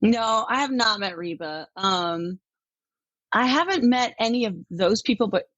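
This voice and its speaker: Middle-aged woman from Denmark, husky mid voice, dry close recording, lively interview guest. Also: on the high side, a little slow, no echo, highs cut off. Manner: chatty and animated, laughs often. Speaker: country music artist, guest. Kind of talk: casual interview talk.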